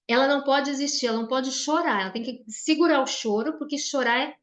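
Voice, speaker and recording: A woman's voice: high voice, quick pace, reverberant. A woman with a Brazilian Portuguese accent giving an informal spoken lesson, acting out little quoted dialogues as she explains. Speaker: teacher explaining personality traits.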